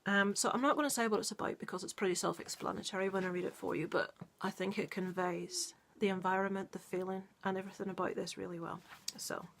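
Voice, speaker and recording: A middle-aged woman talks through a book in an earnest, casual way, full of ums and restarts. Her pitch stays flat and level, and she sits in the middle of the usual range for a woman. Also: fast, gravelly, hardly any pauses, a little hiss or hum. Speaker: book reviewer. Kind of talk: casual book review, reading a story aloud.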